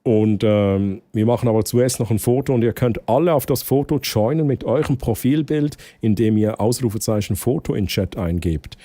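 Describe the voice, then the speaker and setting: A young Swiss man streaming live in casual chat with a Swiss German accent, excitable and prone to loud outbursts. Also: no room sound. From Switzerland. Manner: excitable, bursts into loud high exclamations and laughter.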